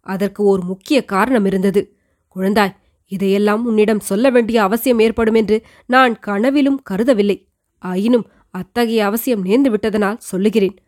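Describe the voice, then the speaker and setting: A woman's voice: medium pitch, steady tone, darkish tone, voice pushed down, lightly acted. A woman voicing an elderly, devout queen mother who earnestly recounts her past to her son in an audiobook reading. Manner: earnest, measured storytelling. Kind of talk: audiobook reading of a historical novel.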